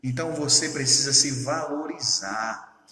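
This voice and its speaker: A man's voice: mid-range voice, measured pace, sharp tone. A man preaching a sermon as a pastor, earnest and often checking in with his listeners. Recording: echoey hall reverb.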